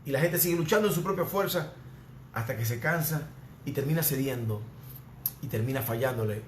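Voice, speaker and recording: A man's voice: medium pitch, a little fast, slight background noise. A male pastor with a Venezuelan accent preaching a sermon, hammering home repeated refrains. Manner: repetitive preaching cadence, emphatic refrains. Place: church sanctuary. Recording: echoey church room.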